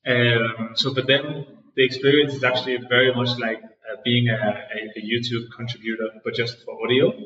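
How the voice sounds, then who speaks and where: Speaking at a moderate pace with few pauses, this startup founder has a mid-range, bright, forceful voice with little pitch movement. He's a Danish man in his thirties answering interview questions in a co-working space office, hesitant and full of fillers and restarts, and the echoey room makes him sound distant and dull.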